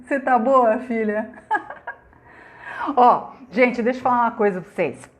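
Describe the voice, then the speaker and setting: A middle-aged Brazilian woman hosting a casual live stream from her phone, loud and chatty, greeting viewers by name and laughing often. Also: on the high side, animated, measured pace. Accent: Brazilian Portuguese. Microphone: phone on laptop.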